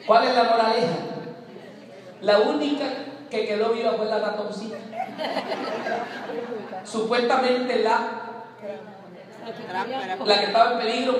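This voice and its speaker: High-voiced preacher in an echoey hall. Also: male voice. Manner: emphatic, repeats key phrases, tells a parable with animal voices. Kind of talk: sermon. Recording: echoey hall from far off with a congregation. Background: congregation answering.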